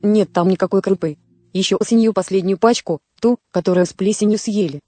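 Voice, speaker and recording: A woman voicing a hungry, angry five-year-old village boy who whines resentfully, in a dark, mellow tone. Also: mid-range voice, a little fast, no room sound, lightly acted. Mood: whining. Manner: whiny, resentful.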